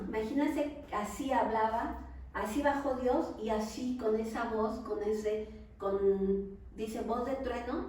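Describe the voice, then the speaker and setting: Slow Mexican woman preaching in an echoey hall. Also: fairly high pitch, dark tone. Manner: conversational, often checks with the audience by asking questions. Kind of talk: church Bible teaching. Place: large echoey church hall. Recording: very echoey hall, speaker far from the mic, faint noise.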